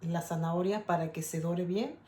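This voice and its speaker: A woman's voice: fairly low pitch, fairly even intonation, moderate pace, dark tone. Chatty Mexican woman in an echoey kitchen. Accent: Mexican Spanish. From Mexico, Guadalajara. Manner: chatty, stubborn, keeps asking "¿ok?". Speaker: cooking video host. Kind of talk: casual cooking demonstration. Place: home kitchen.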